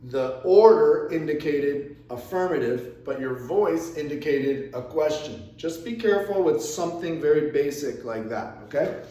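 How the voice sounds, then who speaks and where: Slow, patient male teacher in an echoey room. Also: on the high side, lively intonation, dark tone, distant mic. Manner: patient, explains step by step with repeated examples. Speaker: English teacher. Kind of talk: classroom grammar lesson.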